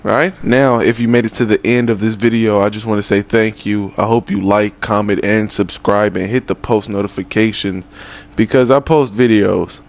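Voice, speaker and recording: A man's voice: lowish voice, steady tone, moderate pace. A man hosting a commentary channel, talking loosely with joking, rambling asides. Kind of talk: casual commentary.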